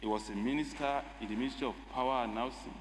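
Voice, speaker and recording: A man with a Nigerian accent giving a measured, emphatic formal speech as a state lawmaker. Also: mid-range voice, fairly even intonation. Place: legislative chamber. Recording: echoey assembly hall with faint noise.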